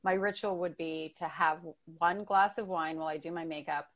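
Low-voiced Canadian woman telling a story. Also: fairly even intonation, moderate pace. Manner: chatty, storytelling, laughs often. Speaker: comedian guest. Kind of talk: casual chat.

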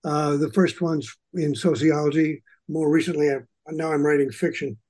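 A man's voice: on the high side, fairly even intonation, normal speed, a little mellow. A man in his eighties introducing himself on a group call, hesitant and self-correcting.

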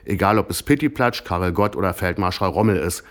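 A man's voice: moderate pace, lightly acted. A man voicing a strict, hysterical housewife mother who scolds and shrieks. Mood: scolding. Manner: scolding, shrill.

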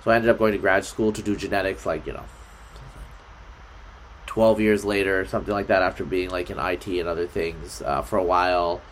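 A man's voice: low-pitched, steady tone, fairly quick, a bit bright, slight background noise. Man, podcast guest, casual, rambling, filler-heavy. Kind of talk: casual conversation.

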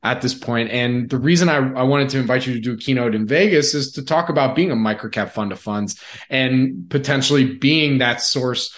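A man hosting a podcast, reading intros and brisk disclaimers in a scripted announcer style. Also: mid-range voice. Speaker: podcast host.

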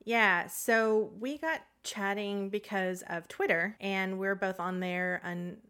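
A woman co-hosting a podcast in casual chat, quirky and chatty and quick to laugh. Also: mid-range voice, steady tone, a bit bright. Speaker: podcast co-host.

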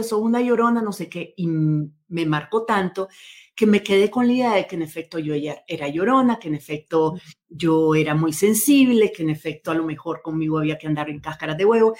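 A woman being interviewed in a conversational setting, her voice fairly low and somewhat dark. She speaks earnestly and thoughtfully, often stopping to correct herself partway through a sentence.

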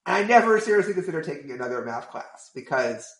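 A man telling a long anecdote as a podcast guest, rambling and filling pauses with "like" and "right?". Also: on the high side, reverberant. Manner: animated, rambling, many fillers like "right?". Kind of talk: casual storytelling.

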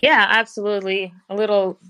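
A woman's voice: mid-range voice, fairly even intonation, fairly quick, pushed and bright, slight background noise. A woman from Russia with a Russian accent, explaining things in a businesslike way as a podcast guest. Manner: explanatory, businesslike, some grammar slips. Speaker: guest, passport business founder. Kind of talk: conversational podcast interview.

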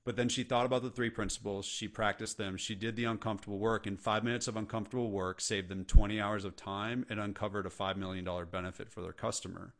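A man's voice: fairly low pitch, fairly even intonation, fast talker, hardly any pauses. A middle-aged man, a leadership coach, talking earnestly and casually as a podcast guest. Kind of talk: podcast interview conversation.

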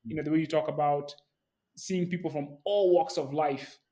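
A man hosts an interview, his voice pitched a little higher than most men's. He asks long, curious questions that ramble and restart as he feels his way toward the point. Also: fairly even intonation, normal speed, mellow. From Kenya. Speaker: interview host. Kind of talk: casual interview talk.

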